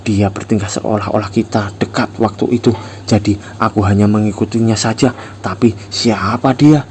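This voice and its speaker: A cold, blunt high school tough, read by a man who was once a gangster, talking down to everyone with curt scorn in a lowish voice. He sounds close to the reader's own telling voice, in a storybook recap. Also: fairly even intonation, normal speed, a little mellow, a little hiss or hum, lightly acted.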